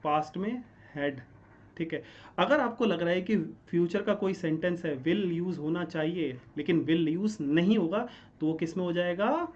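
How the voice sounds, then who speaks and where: A man's voice: high-pitched, a little slow, a little mellow. Man, grammar teacher, self-answered questions, keeps checking "okay?", slightly dull lo-fi sound. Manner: explains step by step, asks and answers his own questions; writes on a board while he talks. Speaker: English teacher. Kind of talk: classroom-style grammar lesson.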